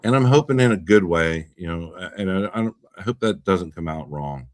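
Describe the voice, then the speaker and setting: Male podcast host, very low voice, dry sound, rambling and blunt. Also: expressive, fairly quick, no echo. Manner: rambling, repeats words, swears when riled. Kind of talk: casual political chat.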